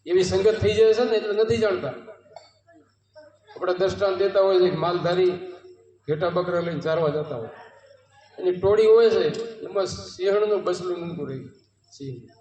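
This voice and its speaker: High-voiced Gujarati man preaching in a roomy hall. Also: moderate pace, pauses often, darkish tone. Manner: storytelling, rhetorical questions, quoting devotional verses. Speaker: satsang preacher. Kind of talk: devotional satsang sermon. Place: home courtyard gathering. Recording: roomy, distant mic with long reverb.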